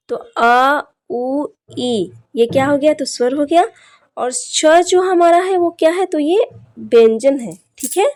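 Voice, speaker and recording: A young woman teaching an exam-prep grammar lesson, speaking slowly and deliberately and often telling students to look closely. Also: sits high, darkish tone. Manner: slow, deliberate, repeats "dekhiye" often.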